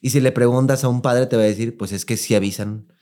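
A man's voice: mid-range voice, fast talker. A young Mexican man co-hosting a podcast, telling a story in casual slangy chat and acting out the people he quotes. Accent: Mexican Spanish. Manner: animated, slangy, acts out quoted voices. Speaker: podcast co-host.

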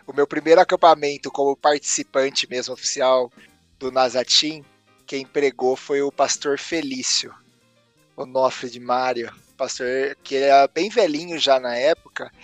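A man in his thirties with a Brazilian Portuguese accent, telling an animated story in casual chat, stressing words and repeating himself for effect. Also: medium pitch, moderate pace, dry recording, faint music behind. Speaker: podcast co-host.

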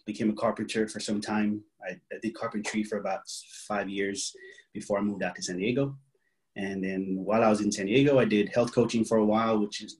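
Relaxed low-voiced man telling his story. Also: low-quality recording. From Hawaii. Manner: easygoing storytelling with frequent "um" and "you know". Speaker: guest. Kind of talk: casual interview.

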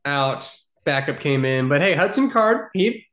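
Higher-voiced man co-host in an echoey room. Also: lively intonation, unhurried, a bit bright. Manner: informal, slangy. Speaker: podcast co-host. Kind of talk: casual sports podcast chat. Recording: echoey, roomy sound.

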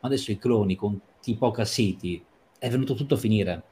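A man discussing a TV episode on a livestream, talking emphatically and stretching or rushing phrases for stress. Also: fairly low pitch, dark tone. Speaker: series commentator.

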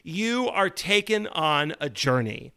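A man's voice: on the high side, big pitch swings, takes it slowly, creaky, sharp tone, smooth. A man co-hosting a casual chat, enthusiastic and fond of corny jokes. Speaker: podcast co-host.

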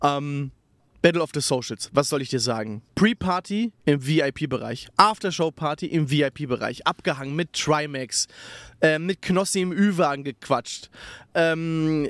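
A man's voice: fairly high pitch, a little slow, dry recording. A young man co-hosting a podcast from a camper van, chatting casually and upbeat, full of fillers and restarts. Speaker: podcast co-host. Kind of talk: casual chat. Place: inside a camper van at a festival.

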